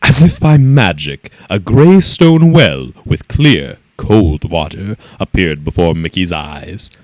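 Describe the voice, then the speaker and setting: A man reading a children's story aloud in an expressive, animated way. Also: low-pitched, slow, no echo.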